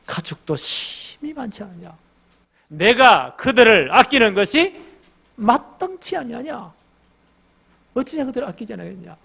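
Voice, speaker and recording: A man voicing God rebuking, gravelly. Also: sits high, animated, fairly quick, few pauses, voice pushed up, heavily acted. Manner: rebuking, rhetorical questions. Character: God scolding a stubborn prophet.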